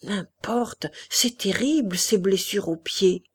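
A woman voicing a discouraged middle-aged manufacturer who speaks in a low, dejected way. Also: slow pace, slightly rough.

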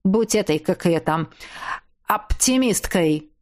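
A woman's voice: on the low side, lively intonation, a little mellow. A woman voicing a crude, threatening man who has kidnapped his ex-wife, with coarse, mocking speech. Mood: angry. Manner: coarse, mocking, slow menacing delivery.

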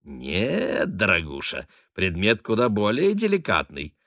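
A man's voice: on the low side, wildly swooping pitch, measured pace, a bit bright, no room sound, clean studio sound, heavily acted. A man voicing a gushing, teasing middle-aged lady of the house who fusses over her ward. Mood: excited gushing. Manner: effusive, fussy, teasing.

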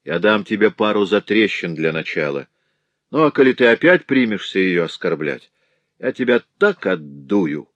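A man playing a calm, firm brawler brother. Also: sits low, normal speed, no echo, lo-fi sound. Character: strong calm older brother, seasoned fighter.

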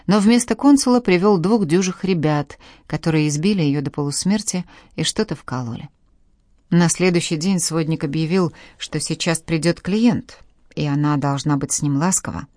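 A woman narrating an audiobook in an expressive, dramatic reading style. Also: sits low, no echo, studio quality. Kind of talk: scripted narration.

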